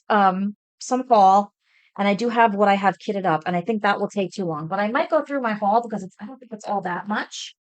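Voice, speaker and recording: A chatty woman in her forties with a Brooklyn accent talks through her craft projects, rambling happily from one piece to the next. Her voice sits at an ordinary middle pitch, and the sound is dry and close with hardly any room to it. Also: no room sound. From Brooklyn, New York. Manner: chatty, rambling, excited about her stitching. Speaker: cross stitch vlogger. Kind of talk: casual show-and-tell chat.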